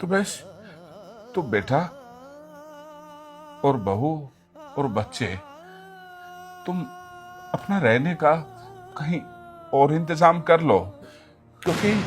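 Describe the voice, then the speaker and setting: A man playing a grave, slow elderly father-in-law. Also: a little high. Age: older. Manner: slow, grave pleading that erupts into shouting. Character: stern elderly father-in-law, wounded pride. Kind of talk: amateur family drama.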